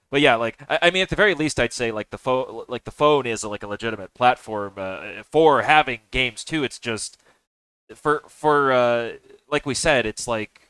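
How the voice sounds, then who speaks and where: A man chatting casually on a podcast, talking haltingly with many restarts and fillers. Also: medium pitch, bright, forceful tone, clear, resonant tone, no echo. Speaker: podcast host.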